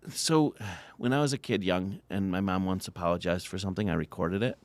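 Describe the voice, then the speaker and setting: A man's voice: sits low, a little fast. A man co-hosting a casual football podcast, joking and sarcastic, often trailing off and restarting. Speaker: podcast co-host. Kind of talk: casual chat about football.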